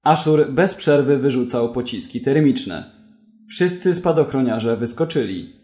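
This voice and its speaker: Slow, expressive male storyteller. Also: medium pitch. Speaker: narrator. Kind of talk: scripted audiobook narration.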